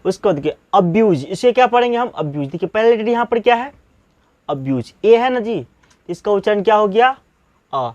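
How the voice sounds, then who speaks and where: A man's voice: sits high, lively intonation, a little fast, no echo, highs cut off. A man teaching English pronunciation, who keeps asking questions and answering them himself. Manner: repetitive question-and-answer drilling, asks then answers himself. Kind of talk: classroom-style spoken lesson.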